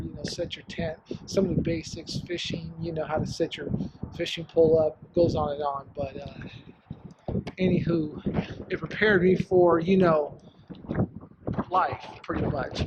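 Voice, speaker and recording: A man's voice: on the high side, very noisy. A man vlogging from inside a cave in a laid-back, slangy, profane, rambling way, his voice echoing off the rock. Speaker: travel vlogger. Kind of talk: casual travel vlog.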